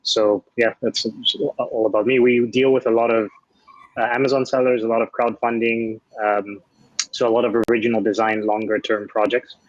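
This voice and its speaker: A man with a lowish voice introduces himself in a relaxed, easygoing way during an online panel. The sound is dry and a bit dull, as if picked up by a basic mic on a video call. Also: moderate pace, dry recording. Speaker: panelist, sourcing company CEO.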